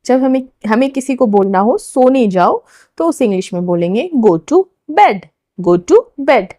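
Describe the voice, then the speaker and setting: A woman teaching everyday English phrases in a slow, deliberate lesson, saying each phrase twice for learners to repeat. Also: on the high side, animated, mellow, no echo.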